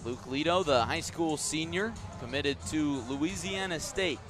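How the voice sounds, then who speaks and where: On the radio, a man narrates a baseball game live, giving careful, detailed play-by-play that lifts with each pitch, all heard over music.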